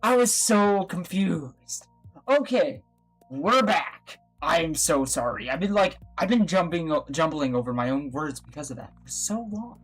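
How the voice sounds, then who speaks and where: Livestream host, casual chat, rambling, giggly, apologetic, breathy voice, faint music behind. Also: medium pitch, expressive, a little slow.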